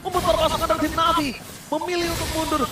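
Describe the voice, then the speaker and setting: Indonesian male fighting game announcer, very high and fast, hyped dramatic calls. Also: little pitch movement. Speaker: esports shoutcaster, play-by-play. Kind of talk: fighting game announcer style play-by-play commentary. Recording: echoey, distant, loud music behind.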